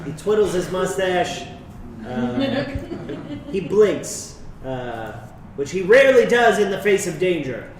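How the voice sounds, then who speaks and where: Man, game master, rambling narration, many fillers, high voice, distant mic, background noise. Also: big pitch swings, slow. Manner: rambling, filler-heavy, laughs easily. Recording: echoey room, distant mic, noisy.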